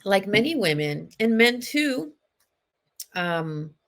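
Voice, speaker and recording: A woman's voice: medium pitch, big pitch swings, slow pace, a bit bright. A middle-aged woman hosting a solo podcast, talking in an earnest, confessional way with many fillers and restarts. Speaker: podcast host. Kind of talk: reflective solo podcast talk.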